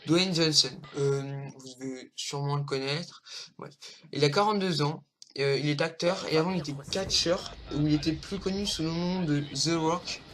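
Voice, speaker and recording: A slightly bright, fairly high-pitched male voice moves at a moderate pace as a young vlogger hosts an informal countdown. He hesitates, wanders into asides, and uses lots of fillers, all captured on a low-quality home microphone.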